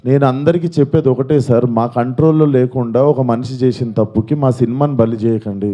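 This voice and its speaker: A man's voice: mid-range voice, steady tone, fast, mellow. Earnest young man pleading. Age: 20s. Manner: earnest, pleading, repeats himself. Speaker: film actor at a press meet. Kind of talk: press conference statement.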